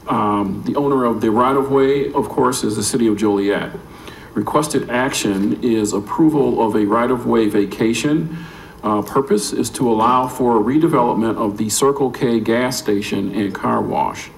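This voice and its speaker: Gravelly American man reading a formal report. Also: mid-range voice. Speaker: city planning staff member. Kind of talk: formal staff report, read aloud. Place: public meeting room. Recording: echoey room with faint noise.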